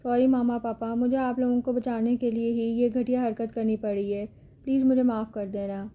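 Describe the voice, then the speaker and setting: A woman reading the part of a frightened but defiant young woman held captive, pleading and sharp-tongued. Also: fairly high pitch, level tone, lo-fi sound, lightly acted. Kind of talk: audiobook character reading.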